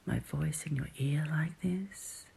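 A woman performing an intimate whispered roleplay audio, teasing and murmuring softly in a low whisper. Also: animated, takes it slowly, vocal fry, breathy edge.

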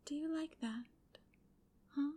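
A woman's voice: high voice, slow, warm tone. A woman in a whispered ASMR roleplay, speaking in an intimate, commanding whisper.

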